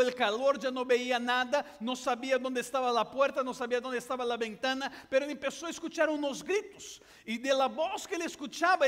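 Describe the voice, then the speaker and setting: A man preaching with a very high, bright, forceful voice that climbs into shouts. His words ring out with a long reverb, as in a church hall. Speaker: pastor. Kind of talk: sermon.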